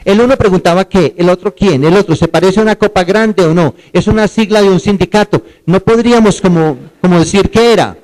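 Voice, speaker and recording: A man's voice: sits high, darkish tone, poor audio. Man lecturing a seminar. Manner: quizzes the audience, spells words out slowly.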